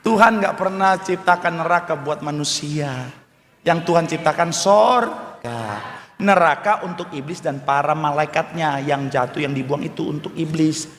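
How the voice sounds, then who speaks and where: A man's voice: on the high side, a little slow, fairly bright tone. A male pastor preaching an emphatic sermon, often turning to address the congregation directly and calling for applause. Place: large church hall. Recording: echoey church hall reverb.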